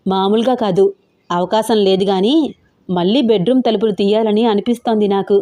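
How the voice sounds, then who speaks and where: A woman voicing a teasing, quick-tempered young man in an audio love story, bossy and quick to snap. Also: medium pitch, fairly even intonation, warm tone, natural voice. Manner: teasing then snapping, bossy.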